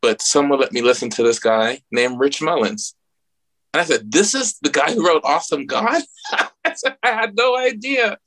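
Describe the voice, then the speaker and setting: A man's voice: on the high side, lively intonation, moderate pace, a bit bright. A man from the Bahamas, a guest musician, speaking earnestly and reflectively at an event and often searching for his words. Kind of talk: casual spoken remarks at an event.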